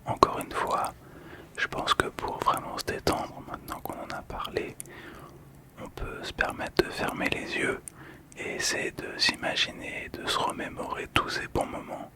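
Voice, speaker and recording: A male ASMR host whispers a card description in a breathy, unvoiced way. He speaks gently and slowly, soothing the listener and pausing often. The close ASMR mic is monitored through headphones.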